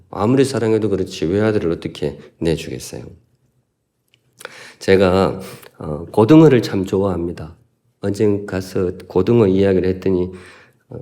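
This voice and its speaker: A man's voice: fairly low pitch, warm tone. A male pastor from Gyeongsan, South Korea, preaching a sermon in a folksy, humorous way and asking the congregation questions. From Gyeongsan, North Gyeongsang, South Korea.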